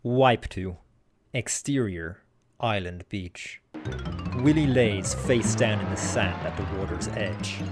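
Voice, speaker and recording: A man narrating screenplay stage directions in a deliberate, theatrical dramatic reading. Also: lowish voice, faint music behind.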